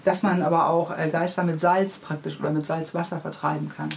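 Over clearly noisy background ambience, a children's author chats casually in an interview, describing her books in detail. She speaks briskly in a deep, steady voice.

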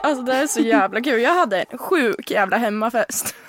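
A young woman from Sweden, chatting casually and telling lively stories, acting out what people said. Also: on the high side, faint music behind. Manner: animated storytelling, acting out quotes. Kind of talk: casual podcast chat.

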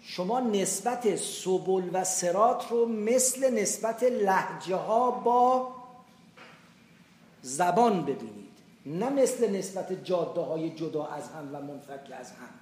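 Persian-speaking male lecturer, high voice. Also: lively intonation, a little mellow. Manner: explanatory, uses everyday examples. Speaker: Quran teacher. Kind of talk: tafsir lecture. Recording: echoey room with faint background noise.

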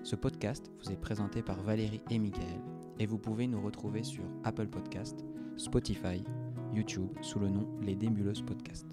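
A man co-hosting a podcast, reading the show's intro in an earnest, measured way, then chatting casually. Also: fairly low pitch, steady tone. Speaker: podcast co-host. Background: loud plucked guitar music.

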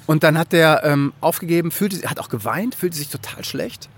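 A middle-aged man from Germany, a guest telling a story in a casual podcast chat. He is animated, laughs often and acts out what people said. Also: fairly high pitch, normal speed.

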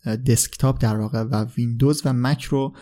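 A man hosts a podcast and explains things in a relaxed, unscripted way, pausing on fillers and correcting himself as he goes. His voice is mellow and warm, sitting at an ordinary middle pitch. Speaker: podcast host. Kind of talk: casual explanatory monologue.

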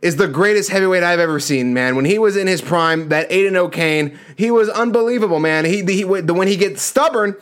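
A man's voice: high voice, brisk, few pauses, fairly bright tone. A man hosting a sports show, giving casual fight predictions in an emphatic, slangy, conversational way.

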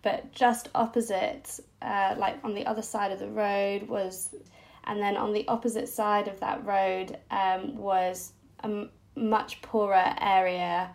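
A woman's voice: medium pitch, little pitch movement, measured pace. Reflective woman telling her story. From Singapore-born, raised abroad. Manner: reflective, hesitant, many fillers and restarts. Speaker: podcast guest. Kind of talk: personal storytelling interview.

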